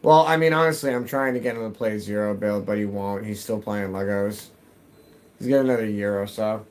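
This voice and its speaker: A man's voice: lowish voice, brisk. Chatty man streaming from his basement. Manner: chatty, answers chat and mutters to himself while playing. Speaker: gaming streamer. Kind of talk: casual live-stream chat while gaming. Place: home basement.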